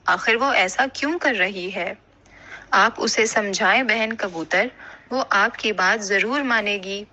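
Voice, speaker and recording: A woman voicing a worried young female friend in an animated cartoon, speaking earnestly and with concern. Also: mid-range voice, rough recording.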